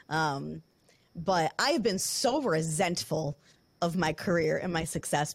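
A woman's voice: on the low side, no room sound. Tearful woman podcast host, dry sound. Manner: open and confessional, many "um" fillers. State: tearful, on the verge of crying. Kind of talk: candid podcast conversation.

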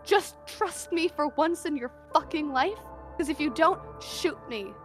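A woman's voice: high voice, expressive, a little slow, soft background music. A woman playing a scared, desperate teenage girl who pleads raw and swears. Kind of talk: tabletop role-play.

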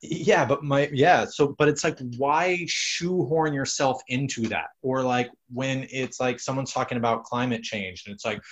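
A man's voice: medium pitch, moderate pace, few pauses. A man hosting a casual chat, rambling and swearing, with lots of fillers. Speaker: podcast host.

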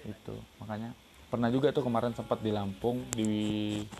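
Man, from Riau, casual travel podcast, rambling with fillers, lowish voice, faint outdoor hum. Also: level tone, normal speed, mellow. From Riau, Indonesia. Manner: rambling, many fillers and restarts. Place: second-floor balcony outdoors.

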